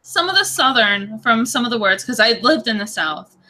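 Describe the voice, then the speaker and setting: A woman podcast host with a Californian accent, chatting casually and telling stories in an animated way. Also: fairly high pitch, normal speed, low-quality recording. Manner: animated storyteller.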